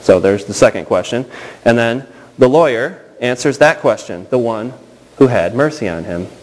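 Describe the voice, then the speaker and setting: Halting, conversational male preacher. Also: mid-range voice, lively intonation, low-quality recording. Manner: conversational and halting, with frequent restarts and asides. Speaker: pastor. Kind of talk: sermon.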